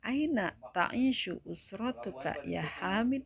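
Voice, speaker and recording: A woman teacher voicing a schoolboy asking a classmate about his family, reading a textbook dialogue aloud in clear, lively intonation. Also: a little high, takes it slowly, a crowd in the background, pitched above the performer's own voice, full character voice. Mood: inquisitive.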